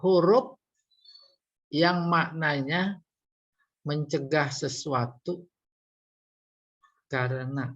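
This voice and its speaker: A man lectures slowly with a husky grain, his carrying a lilt. He teaches Quran commentary in a teasing, animated way while working through Arabic grammar terms. The recording sounds dull and lo-fi. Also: a little high. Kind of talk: religious study lecture.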